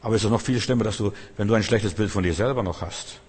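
A man's voice: on the low side, quick pace, darkish tone, breathy edge. A male preacher delivering an earnest sermon, exhorting the listener and addressing them directly. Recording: long hall reverb.

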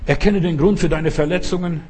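A man's voice: fairly high pitch, a little fast, darkish tone, slightly rough. A man preaching a sermon with fervent, exhorting, repetitive appeals.

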